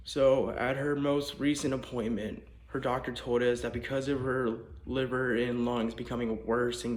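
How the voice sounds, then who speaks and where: A young man, a student, giving an earnest, apologetic class speech that he reads from a script, recorded inside a house with the walls torn out. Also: medium pitch. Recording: echoey bare room.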